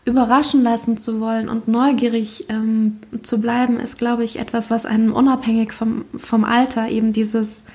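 A woman's voice: on the high side, flat delivery, moderate pace, hardly any pauses, darkish tone. A woman guest on a podcast, talking reflectively and searching for her words. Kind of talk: casual conversational interview.

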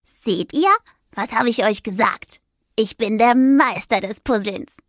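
A woman's voice: a little high, animated, a little slow, dry recording, studio quality. Woman doing a chubby, boastful little toy creature. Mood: proud. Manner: boastful, pleased with himself. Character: small round proud male toy creature.

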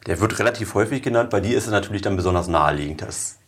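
A man from Berlin hosting a relaxed, joking interview in a small office. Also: fairly low pitch, racing. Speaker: podcast host. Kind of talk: casual interview chat.

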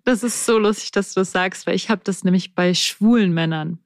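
A woman's voice: medium pitch, brisk, dry recording, studio quality. A young woman chatting casually and candidly as she asks questions in a conversation. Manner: candid, informal. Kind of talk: casual chat.

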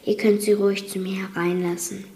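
A woman voicing a gentle, weary male beast who speaks quietly and subdued. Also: medium pitch, flat delivery, a little fast, lightly acted. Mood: resigned.

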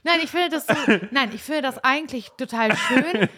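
A woman's voice: high voice, moderate pace, sharp tone. Bantering woman podcast co-host. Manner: bantering, breaks into snatches of song. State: stuffed from eating. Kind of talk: casual chat.

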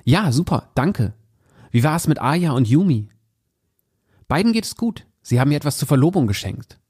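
A man's voice: a little high, very animated, normal speed, a little mellow, slightly rough, voice pushed up. A man reading aloud the lines of an upset young woman who pleads and insists with her fiancé. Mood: friendly.

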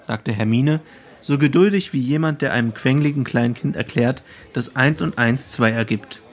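A man's voice: medium pitch, moderate pace. A man co-hosting a casual book podcast, sarcastic in his remarks and reading the narration aloud. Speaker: podcast co-host and narrator of excerpts.

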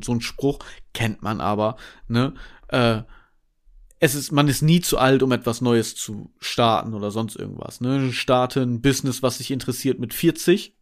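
A man co-hosting a casual podcast chat, teasing his friend and laughing often at his own jokes. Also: mid-range voice. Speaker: podcast co-host.

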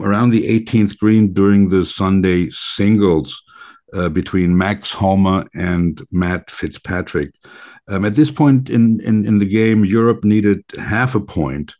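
A man hosting a radio talk show in a conversational style, with halting, deliberate phrasing. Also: lowish voice, darkish tone.

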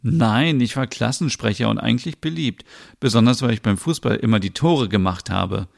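A man's voice: medium pitch, moderate pace, vocal fry. A man voicing a modest, somewhat shy young man from a well-off family, in a podcast soap opera.

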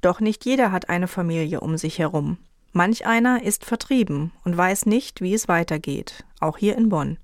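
A woman's voice: fairly low pitch, lively intonation, normal speed, no room sound. Woman presenter in a dry radio studio. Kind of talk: scripted radio moderation.

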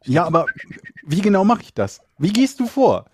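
A man's voice: high voice, very animated, moderate pace, darkish tone, slight background noise. A man co-hosting a casual chat podcast, talking playfully and imitating bird chirps. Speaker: podcast co-host.

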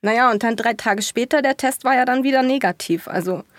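A woman telling her own story in casual conversation, colloquial and candid, sometimes dropping to a soft breathy half-whisper. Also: fairly high pitch, brisk, dry recording, clean studio sound. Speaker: guest sharing a birth story.

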